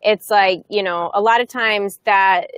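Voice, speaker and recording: A woman's voice: medium pitch, steady tone, unhurried, a bit bright, dry recording, dull audio. Thoughtful woman in casual chat. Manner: thoughtful, loose phrasing with many fillers. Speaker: podcast co-host.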